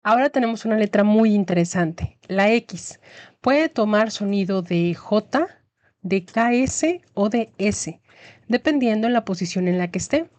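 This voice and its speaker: In a mid-range voice with a touch of mellowness, a woman teaches Spanish through scripted narration. She pronounces every example word slowly and with care, and there's no echo in the recording.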